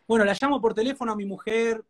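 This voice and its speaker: Speaking quickly in a high voice, a man with a Rioplatense accent offers a personal testimony on a live interview. His delivery is that of a sincere, heartfelt preacher, full of repetition for emphasis.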